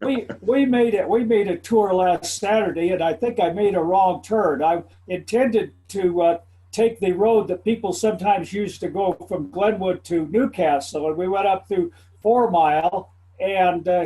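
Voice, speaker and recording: A man's voice: high-pitched, dark tone, rough recording. A man chatting casually with a group on a video call. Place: online video meeting.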